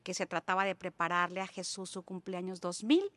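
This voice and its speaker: A woman with a Mexican accent, a guest on a podcast, telling her faith testimony as an animated storyteller who repeats words for emphasis. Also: lowish voice, a little fast, dry recording. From Mexico (La Paz, Baja California Sur). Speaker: guest, full-time evangelist. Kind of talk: personal testimony in podcast conversation.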